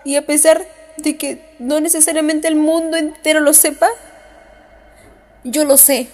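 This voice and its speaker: A woman's voice: high voice, steady tone, a little slow, a little mellow. A woman podcast host, crying as she speaks, giving a heartfelt motivational monologue with repeated self-affirming phrases. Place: on the way home.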